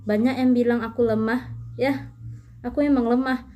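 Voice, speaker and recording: A gentle young man bids a soft farewell as he dies, read out by a woman in her own high voice. The tone is quiet and tender, close to plain reading. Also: steady tone, moderate pace, lightly acted. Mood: wistful letter.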